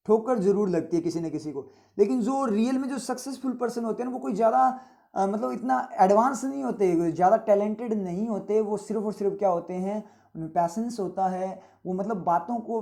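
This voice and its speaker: A man from India with a high, mellow voice teaches a vocabulary lesson, explaining words again and again and often checking rhetorically that his students are following. He adds motivational asides as he goes.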